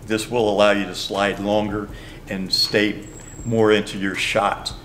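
A man's voice: fairly low pitch, flat delivery, a little slow, fairly bright tone, a little hiss or hum. An older man, a shoe company representative, patiently explaining product features in a store. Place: bowling shoe store, indoors.

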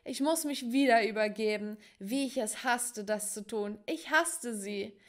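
A woman narrating an animated story in the first person as a spoiled, self-pitying teenage girl. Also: on the high side, a little slow, close to an everyday voice.

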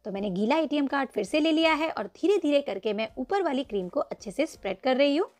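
Over faint background music, a woman hosting a cooking channel voices a cake icing tutorial step by step. Her high, slightly mellow voice is animated and quick, and she patiently instructs viewers, calling them her friends.

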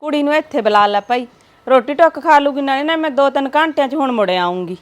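An actress with a Punjabi accent playing a bossy woman who gives loud orders. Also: sits high, animated, quick pace. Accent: Punjabi (Malwa). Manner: loud, commanding. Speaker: actor in a short film.

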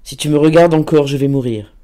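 A man's voice: fairly high pitch, a little fast, mellow, lightly acted. A man reading aloud and voicing a feverish, tormented young man near death in a storybook. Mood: grave. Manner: anguished, urgent.

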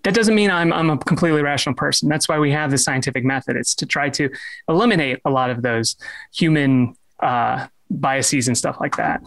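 A young man giving a casual online presentation, halting, with many fillers and restarts, and joking about himself. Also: mid-range voice, vocal fry, fairly bright tone. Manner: self-deprecating humor.

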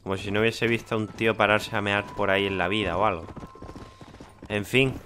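Laid-back Spanish gamer with a bright tone. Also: male voice, on the low side, steady tone, fairly quick, slight background noise. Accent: Spanish from Spain. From Spain. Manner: chatty, laid-back, thinks aloud. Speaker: gameplay commentator. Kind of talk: casual gameplay commentary.

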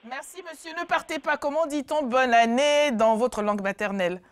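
A middle-aged woman hosting a live TV talk show in a studio, lively and playful, with a lapel mic. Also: sits high, moderate pace. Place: TV studio, indoors.

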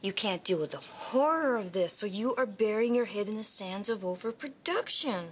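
A woman's voice: medium pitch, lively intonation, moderate pace, breathy edge. An actress playing a blunt, exasperated woman news boss who scolds. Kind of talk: scripted comedy series acting.

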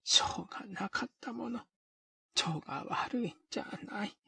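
A man voicing a bedridden, dying woman who speaks slowly and listlessly in a dry, rasping half-whisper. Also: sits high, expressive, sharp tone, dry recording, voice pushed up, exaggerated voice. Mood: weary pleading. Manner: slow, listless, pleading.

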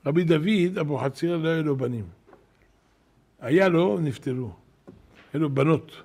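An older man, a rabbi, telling wonder stories in a sermon at a synagogue, animated, acting out what people said. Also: on the high side. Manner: animated storyteller, acting out quoted shouts. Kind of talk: storytelling sermon.

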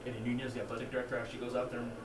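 Male reporter off-mic, fast, flat delivery, distant in an echoey room with noise. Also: medium pitch. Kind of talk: asking press conference questions.

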